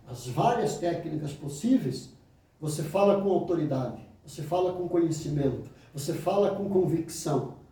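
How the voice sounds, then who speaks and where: In an emphatic motivational lecture on oratory, a man in his fifties with a Brazilian Portuguese accent mimics excuses in a higher voice, then answers them low and firm. His tone is mellow. The room is very echoey and the mic sits far off.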